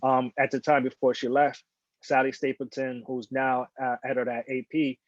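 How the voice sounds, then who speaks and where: Man in his 40s, photojournalist, candid panel talk, average pitch, muffled dry video-call audio. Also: moderate pace, no room sound. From born in Dominican Republic, grew up in New York. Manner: relaxed and candid, with many fillers and restarts. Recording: dull lo-fi sound, dry.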